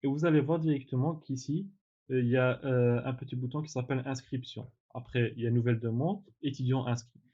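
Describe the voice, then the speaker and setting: A man teaching in a relaxed tutorial, demonstrating software step by step with frequent fillers and self-corrections. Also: mid-range voice, a little fast, lo-fi sound. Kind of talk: screen-recorded tutorial.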